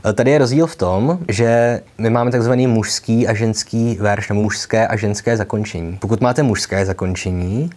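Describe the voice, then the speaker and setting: Low-voiced man teaching a poetry lesson. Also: hardly any pauses, darkish tone. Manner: explains patiently, taps out rhythm with syllables. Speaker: literature teacher. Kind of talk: educational video lesson.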